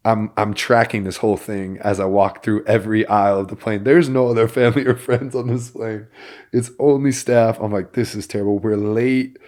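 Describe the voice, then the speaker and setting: A man hosting a podcast, telling a story in an animated way that builds to excited bursts. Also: fairly low pitch, normal speed. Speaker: podcast host. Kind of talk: casual chat.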